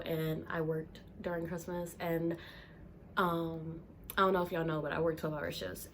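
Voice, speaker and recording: Speaking fairly low with some slight background noise, a young Southern woman who sounds stuffed up talks casually to her audience. She reads Reddit stories on YouTube from a room in her home, using lots of ums and y'alls.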